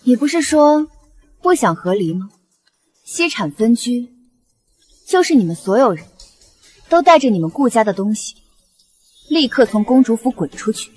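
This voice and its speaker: An actress playing a proud, composed young princess in a period drama, speaking in a cool, commanding, regal way with a slightly husky voice. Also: female voice, fairly high pitch, sing-song, moderate pace, pauses often, darkish tone. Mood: cold, commanding. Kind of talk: Chinese period short-drama acting.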